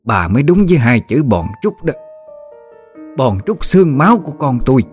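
A man voicing a furious old grandmother who harshly scolds her family in a long, accusing tirade, with lively pitch and faint background music. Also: moderate pace, husky. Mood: scolding.

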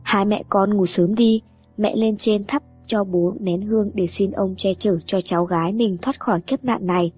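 A woman voicing an anxious older mother-in-law who speaks slowly and softly in an audio horror story. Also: medium pitch, steady tone, breathy edge, soft background music, close to an everyday voice. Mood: weary.

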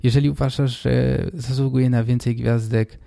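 A man in his twenties hosting a casual solo podcast, hoarse and congested with a stuffy nose, talking informally and directly to the listener. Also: mid-range voice, little pitch movement, normal speed, mellow, no room sound. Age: 20s. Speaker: podcast host.

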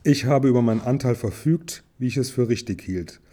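A man's voice: medium pitch, a little fast, dark tone, natural voice. A man reading aloud and voicing a small, frightened male hobbit who speaks nervously and apologetically.

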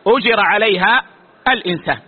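A man giving a religious lesson as a sheikh, explaining points deliberately and slowly repeating key words for emphasis. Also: sits high, slightly rough. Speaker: sheikh teaching a hadith book. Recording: tinny lo-fi phone-like sound.

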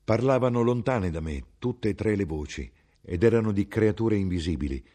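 Deep, husky man reading a novel. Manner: measured, expressive reading. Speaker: audiobook reader. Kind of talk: scripted literary narration.

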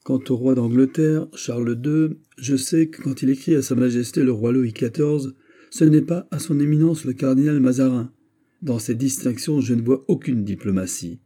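Un homme qui lit et joue un noble comte fier, répondant sèchement et avec calme. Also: male voice, mid-range voice, normal speed, pitched above the performer's own voice, natural voice. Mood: sec. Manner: sec, impassible, réponses mesurées. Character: noble comte mousquetaire, fier, froid, digne.

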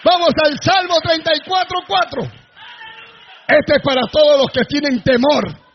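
A male pastor preaching a sermon to a congregation, with sudden shouted bursts. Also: very high-pitched, unhurried, muffled recording, slight background noise. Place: church before a congregation.

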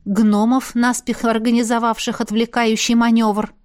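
Woman reading a fantasy audiobook, first person, fairly high voice, steady and expressive. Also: moderate pace. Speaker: audiobook narrator.

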